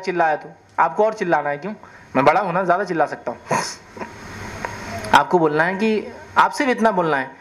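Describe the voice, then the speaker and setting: A man preaching a sermon, lively and often checking with the audience whether they follow. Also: sits high, a little hiss or hum. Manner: animated, questions the audience.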